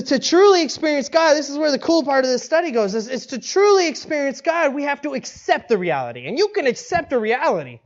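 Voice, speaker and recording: A male pastor preaching in a casual, conversational way, animated and acting out bits of dialogue, often restarting his sentences. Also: extremely high pitch. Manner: animated, acts out quoted dialogue, frequent restarts and laughs. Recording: dull lo-fi recording.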